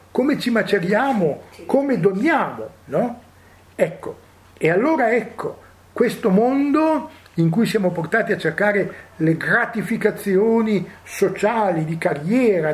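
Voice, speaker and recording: Higher-pitched man leading a Bible study. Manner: reflective, thinking aloud with frequent "eh?" and "no?". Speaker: Bible teacher.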